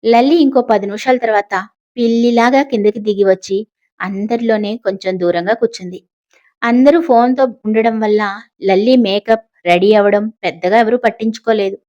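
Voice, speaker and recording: A woman's voice: mid-range voice, fairly even intonation, brisk, mellow, dull audio. A woman narrating a family story, expressively switching voices for the characters. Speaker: audiobook narrator.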